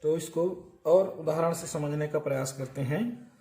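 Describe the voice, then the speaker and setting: A man's voice: fairly high pitch, normal speed, dark tone, soft background music. A man teaching an English grammar lesson, explaining step by step and asking and answering his own questions.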